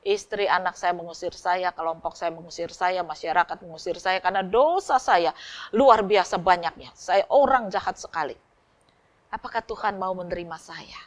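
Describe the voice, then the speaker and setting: A woman's voice: on the low side, fairly even intonation, brisk, few pauses, natural voice. A woman playing a humble, penitent outcast man. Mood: pleading. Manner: pleading, humble, earnest.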